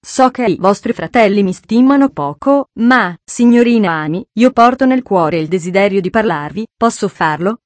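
A woman's voice: medium pitch, expressive, moderate pace, few pauses, no room sound, close to an everyday voice. A woman reading a shy, earnest young suitor. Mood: earnest pleading. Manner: earnest, politely formal. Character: shy gentle young man in love.

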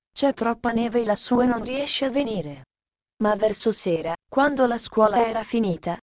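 A woman narrating a classic children's story in a calm, measured reading. Her voice sits at a middle pitch. The recording is close and dry, with no room around it. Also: no room sound.

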